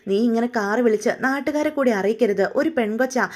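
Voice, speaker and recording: Lady narrator as a stern granny telling someone to hush, highish voice. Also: fast, close to an everyday voice. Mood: firm. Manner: firm, scolding. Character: older grandmother, stern and calming.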